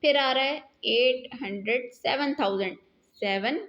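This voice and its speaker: A woman's voice: high voice, unhurried, fairly bright tone. A woman teaching a math lesson, explaining step by step and asking questions as she goes. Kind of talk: classroom lesson. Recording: dull lo-fi sound.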